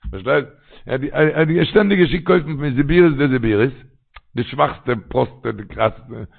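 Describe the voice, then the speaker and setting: A man's voice: mid-range voice, lively intonation, normal speed, vocal fry. A man telling religious stories in a rambling way, repeating his phrases. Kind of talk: storytelling religious talk. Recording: tinny phone-line sound.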